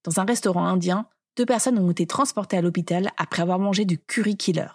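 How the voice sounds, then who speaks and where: A woman reading scripted documentary narration in a measured, explanatory way. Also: on the low side, background noise.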